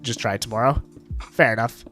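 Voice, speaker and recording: A man's voice: mid-range voice, brisk, sharp tone, faint music behind. Stuffy-nosed man chatting on a game stream. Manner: chatty, laughs often, greets viewers. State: stuffed up from allergies. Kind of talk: casual live-stream chat while gaming.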